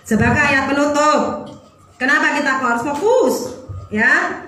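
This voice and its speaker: A middle-aged woman with an East Javanese accent, preaching a sermon and telling a personal story in a lively, animated way. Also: high voice, unhurried, slight background noise. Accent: East Javanese (Surabaya). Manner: animated, lively, mixes in Javanese phrases, laughs while telling. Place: church hall. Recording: very echoey church hall.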